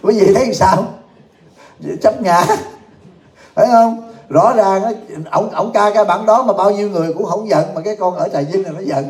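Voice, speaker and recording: A man's voice: high-pitched, moderate pace, darkish tone. A man giving a humorous Buddhist Dharma talk to a live audience. He jokes, laughs often and keeps asking the listeners questions. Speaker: Buddhist teacher. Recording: echoey room.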